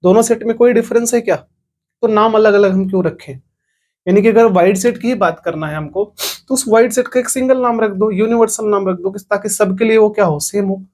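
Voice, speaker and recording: A man with a high voice is teaching an online maths lesson. He goes through each point step by step. He often asks the class whether they follow. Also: a little fast, a little mellow. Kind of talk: online lecture.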